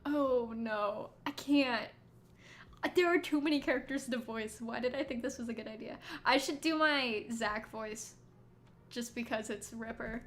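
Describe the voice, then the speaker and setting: A woman's voice: a little high, a little slow. A young woman streaming a game, chatting casually, laughing and mocking herself. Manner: giggly, self-mocking, exasperated.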